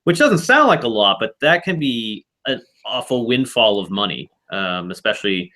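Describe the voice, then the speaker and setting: Bright-voiced man explaining a board game. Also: fairly low pitch, big pitch swings, moderate pace. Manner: rambling, explanatory, frequent restarts. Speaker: board game club host. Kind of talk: casual online game discussion.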